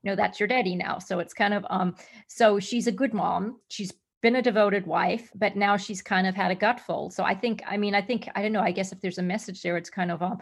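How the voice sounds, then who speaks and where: A middle-aged actress from Zimbabwe and Australia, chatting in an interview with lots of fillers and restarts. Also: female voice, medium pitch, fairly even intonation, fairly quick, slightly rough. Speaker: actress guest. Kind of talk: casual interview answers.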